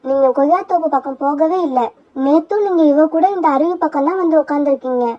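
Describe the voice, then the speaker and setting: A loyal, heartbroken mother sparrow in a cartoon, voiced by a woman, pleading and grieving. The voice is high and a bit muffled, with a lo-fi sound. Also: fast, lightly acted. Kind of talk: cartoon voice acting. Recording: dull lo-fi sound.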